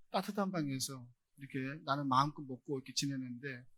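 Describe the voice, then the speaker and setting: A man preaching a sermon as pastor, often addressing the congregation and building to loud, emphatic rhetorical questions. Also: on the high side, no room sound.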